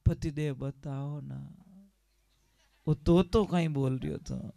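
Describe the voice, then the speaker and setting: A man voicing a devoted, gentle young wife who speaks softly and coaxingly. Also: fairly high pitch, a little slow, gravelly, no room sound, clean studio sound.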